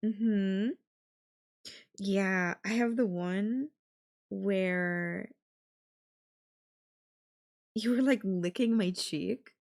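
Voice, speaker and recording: A woman plays a possessive, doting young yandere girlfriend in an intimate audio roleplay, speaking coyly and affectionately with lingering pauses. Her medium-pitched voice is a little mellow, and the mood is doting and wistful.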